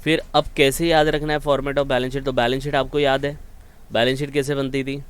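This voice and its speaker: Casting note: man teaching exam prep, smooth clear voice, asks a question and then answers it himself. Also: mid-range voice, level tone, moderate pace. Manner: repeats questions to the student, mixes English terms into Hindi. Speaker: accounting teacher. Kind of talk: explanatory lecture.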